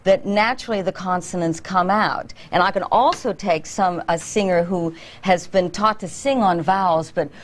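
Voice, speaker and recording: A woman's voice: lowish voice, normal speed, hardly any pauses, a little hiss or hum. Articulate middle-aged woman vocal coach, leans into consonants, interview guest. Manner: articulate, demonstrative, stretches consonants. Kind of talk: morning show interview.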